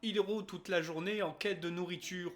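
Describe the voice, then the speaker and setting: A man's voice: sits high, steady tone, moderate pace. A man narrating a scripted comedic recap as an online review host, sarcastic and irreverent, with crude slang. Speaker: anime review video host.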